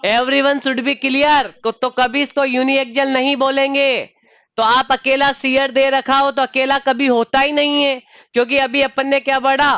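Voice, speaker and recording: A man's voice: very high voice, flat delivery, measured pace, a bit bright, no room sound, dull audio. A man teaching a live online engineering class, calling on students by name, addressing them as dear and patiently repeating his questions. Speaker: online exam tutor.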